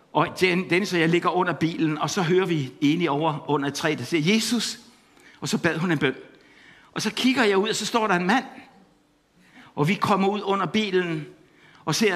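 A man's voice: high voice, a bit bright. Impassioned middle-aged man preaching. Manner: impassioned, repetitive exclamations; storytelling with laughter. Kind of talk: sermon.

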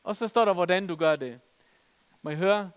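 Middle-aged preacher, resonant voice, animated sermon delivery in a church hall. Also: male voice, high voice, clean tone. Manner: animated storytelling with humor, fillers and emphatic scripture reading.

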